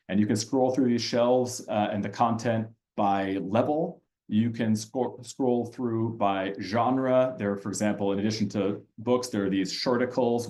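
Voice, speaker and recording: A man raised in Austria, a native German speaker with a fairly low, darkish voice, presents a reading platform to teachers in a conversational webinar. He walks through it while screen sharing, using many fillers and restarts.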